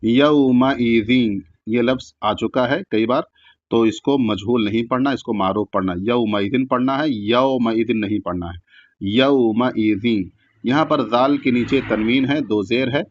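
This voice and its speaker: A man's voice: lowish voice, no echo. Man teaching Quran recitation, dull recording. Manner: slow drawn-out chanting of verses, quick plain explanation. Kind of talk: tajweed lesson, recites then explains.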